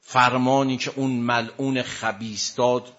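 A man's voice: medium pitch, flat delivery, a bit bright. A man delivering a mourning sermon, a preacher recounting a tragic story with impassioned, tearful emotion. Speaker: religious preacher reciting a lament. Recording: dull lo-fi recording.

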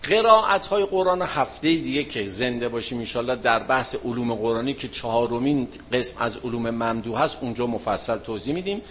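A man teaching a religion class, answering students' questions in a relaxed, colloquial way and leaning on everyday examples. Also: mid-range voice, hardly any pauses, slight background noise. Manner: closes with a chanted-style supplication.

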